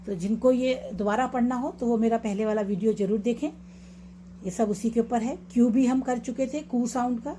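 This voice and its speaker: Woman teaching spelling, slow and patient. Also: fairly high pitch, mellow, slight background noise. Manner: explains patiently, repeats example words slowly. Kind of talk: online lesson mixing Hindi and English.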